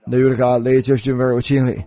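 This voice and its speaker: A man's voice: mid-range voice, level tone, very fast, dark tone, muffled recording. A man preaching a sermon, telling a story and starting many phrases with a filler. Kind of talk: sermon storytelling in Chinese voice-over.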